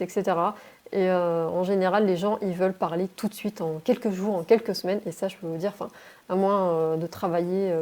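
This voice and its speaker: A woman from France speaks straight to her phone camera as a language teacher. Her tone is mellow and soft-edged, and her pitch sits in a middle range. She talks in an encouraging, motivational way to her viewers. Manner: encouraging, addresses viewers directly. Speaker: English teacher. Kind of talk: motivational vlog talk to camera.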